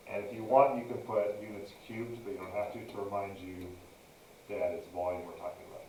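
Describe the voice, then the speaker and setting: A man's voice: fairly low pitch, a little mellow, roomy sound, low-quality recording. A man teaching a math lesson, dictating each entry step by step as he narrates a calculator demonstration.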